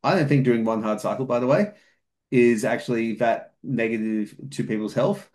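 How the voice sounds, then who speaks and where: A man with a medium-pitched, slightly mellow voice talks at normal speed. Appearing as a guest on a casual podcast, he explains things methodically and at length, with fillers and restarts. He's a fitness coach from outside New Zealand.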